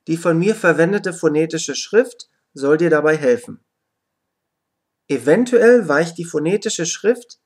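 A man narrating a scripted German pronunciation lesson in standard German, speaking slowly and deliberately with very careful enunciation. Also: fairly high pitch.

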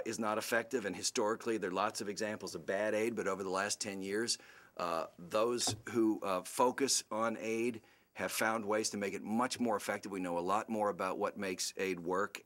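The CEO of an advocacy group delivers a formal policy speech at a report launch. His voice is lowish, steady and a bit bright, and his earnest delivery is halting, with many restarts.

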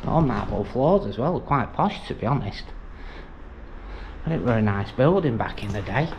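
A man's voice: medium pitch, animated, normal speed. A middle-aged man giving casual, matter-of-fact commentary as he walks through an abandoned hotel. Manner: chatty, matter-of-fact, mild swearing. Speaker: urban explorer vlogger. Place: abandoned hotel and overgrown grounds, in and out of doors. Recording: lo-fi camera audio with background noise.

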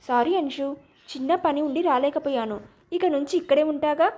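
A woman reads the lines of a young husband in an audio storybook, playful and pleading as he tries to win his wife back. His voice sits high, since she keeps her own pitch for the man. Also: moderate pace, darkish tone, dull audio, natural voice. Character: young adult man, a teasing, exasperated husband and father.

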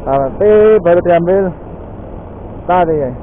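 As he rides a motorbike along city streets outdoors, a motovlog host talks slowly and casually, filling each sentence with "ya" and "guys." His voice is high and thin, with a phone-like quality, and faint traffic hums underneath.

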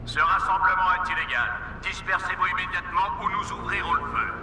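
A man's voice: high voice, fairly quick. An actor playing a stern male police officer issuing cold, commanding orders through a megaphone, with echo and music behind. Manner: cold, commanding, repeated ultimatums. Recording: echoey megaphone in open street, music behind.

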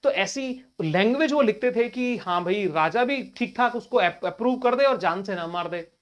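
A man's voice: high-pitched, animated, moderate pace, highs cut off. A male teacher giving an exam-prep lecture in a conversational way, often asking rhetorical questions and addressing students casually. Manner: colloquial address to listeners.

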